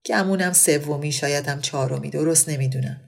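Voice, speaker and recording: A woman's voice: low voice, vocal fry. A woman reading the part of a sullen, resentful widowed aristocratic woman who speaks curtly and sighs over her lot. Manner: curt, resentful, sighing.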